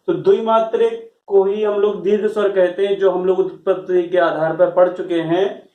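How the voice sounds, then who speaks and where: A man with a fairly high voice teaches a grammar lesson, patiently stepping through each point and pausing to check understanding. He sounds set back from the mic, and his voice rings in a roomy, echoey classroom. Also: little pitch movement, muffled recording. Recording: roomy echo, voice from far off.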